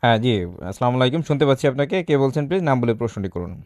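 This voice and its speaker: A man's voice: medium pitch, lively intonation, very fast, darkish tone. A man with a Bangladeshi accent hosting a radio phone-in in a polite, formal way.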